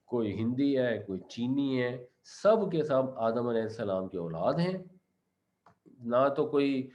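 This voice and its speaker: A male Quran teacher gives a commentary lesson, reciting verses and then explaining their grammar step by step. His voice is mid-range, and the recording has its highs cut off.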